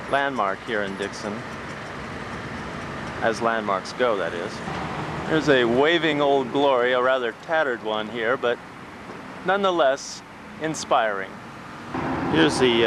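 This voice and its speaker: Man, wry off-the-cuff narrator filming outdoors; old VHS camcorder tape with loud hiss and street noise, mid-pitched voice. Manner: rambling and wry, with self-mocking asides. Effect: old VHS camcorder tape sound. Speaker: home video narrator filming his town. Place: outdoors around town streets and a riverside. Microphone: built-in camcorder microphone.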